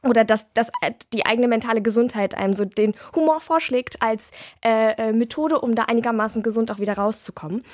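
A woman's voice: a little high, brisk, few pauses, dry recording, studio quality. A woman author answering interview questions in a candid, chatty way with many fillers and restarts.

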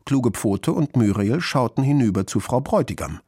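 A man's voice: mid-range voice, lively intonation, moderate pace, dark tone, slightly rough, no room sound, clean studio sound. A man narrating a children's story expressively. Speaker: audiobook narrator.

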